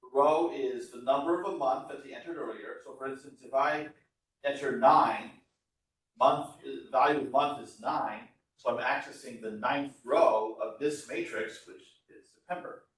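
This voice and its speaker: In an echoey room and far from the mic, a university instructor walks through code step by step during a casual, conversational classroom lecture. His voice sits at medium pitch, moves at normal speed, and has a slightly bright quality.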